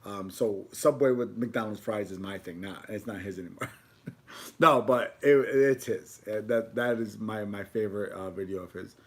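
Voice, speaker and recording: A man's voice: fairly low pitch, moderate pace, a bit bright. A man chatting informally on a food livestream, rambling along with casual slang. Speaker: food video creator.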